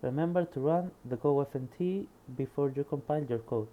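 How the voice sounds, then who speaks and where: Fairly quick and fairly high-pitched, a man from Spain with a Spanish accent reads programming passages aloud, then mutters to himself as he experiments. The casual screen recording has narrow, tinny audio.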